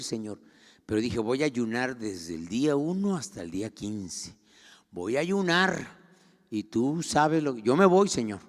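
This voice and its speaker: A middle-aged man with a Mexican Spanish accent, preaching a sermon as pastor. He moves between quiet personal storytelling and loud, fervent outbursts. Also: medium pitch. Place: church. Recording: long reverb of a church hall.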